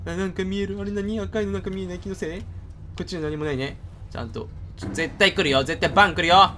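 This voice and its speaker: A man's voice: high voice, fairly even intonation, quick pace, noisy background. A man with a Kansai Japanese accent giving jumpy let's-play commentary, talking to the game character and breaking into outbursts. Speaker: gamer. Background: game music.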